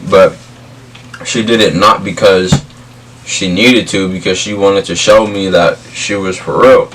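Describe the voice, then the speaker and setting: A man's voice: low-pitched, steady tone, unhurried, a bit bright. A young adult man chatting casually and telling stories in emphatic, slangy speech. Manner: slangy, emphatic, checks in with "you feel me" and "bro". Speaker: vlog co-host. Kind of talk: casual storytelling chat. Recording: distant mic, faint background noise.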